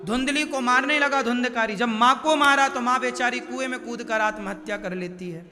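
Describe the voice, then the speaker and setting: High-voiced man preaching in a hall. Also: moderate pace, sharp tone. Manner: high-pitched storytelling, chants verses. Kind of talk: devotional story sermon. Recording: live hall with reverb and music.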